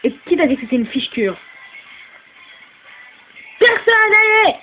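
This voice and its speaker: A woman's voice: very high-pitched, very animated, a little slow, bright, forceful tone, soft background music, poor audio. A woman voicing all the characters in a homemade fan dub, switching voices and often sounding tearful. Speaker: fan voice actor doing all parts.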